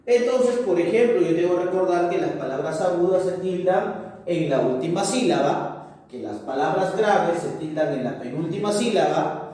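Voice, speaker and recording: A male teacher giving a grammar lesson, explaining slowly and posing questions to himself that he then answers. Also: high-pitched, lively intonation, warm tone. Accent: Peruvian Spanish. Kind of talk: recorded classroom lesson. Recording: echoey room, mic far off.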